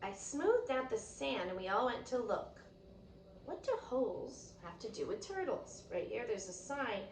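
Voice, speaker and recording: Very animated yet at a measured pace, a woman with a slightly high voice reads a picture book for children aloud. She acts as an instructor too, explaining the story and drawing attention to things. Echo from the room, a far-off mic, and faint noise color the sound.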